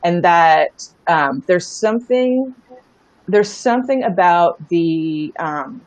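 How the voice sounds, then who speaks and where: Speaking slowly and expressively in a lowish voice, this middle-aged woman is a startup founder being interviewed. She shares stories in a candid, emphatic, conversational way, frequently checking in with her listener, on a rough recording with no echo.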